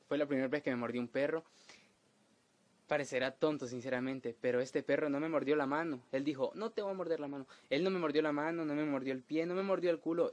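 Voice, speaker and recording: Crude deadpan man. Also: mid-range voice. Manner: crude, self-mocking, deadpan storytelling. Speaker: comedic storyteller. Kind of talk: casual comedic monologue.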